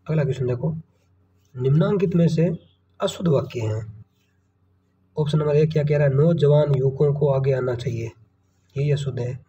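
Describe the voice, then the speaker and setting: A man's voice: mid-range voice, dark tone. Distant, muffled male Hindi teacher. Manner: checks in with "ठीक है ना" often, thinks aloud through options. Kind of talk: exam question walkthrough. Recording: muffled, from the mic, faint room noise.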